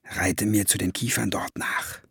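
A man voicing a feverish, wounded young man in an audiobook, speaking in terse, hushed commands. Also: mid-range voice, quick pace, dry recording, studio quality, natural voice.

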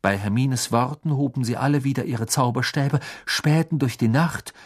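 An audiobook reader narrating a fantasy novel with expressive, dramatic storytelling. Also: medium pitch, normal speed.

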